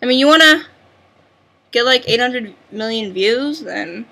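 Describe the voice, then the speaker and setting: A young woman chatting casually on her vlog, bubbly and full of filler words. Her voice sits high and bright. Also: lively intonation, measured pace, gravelly. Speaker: vlogger. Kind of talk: casual chat.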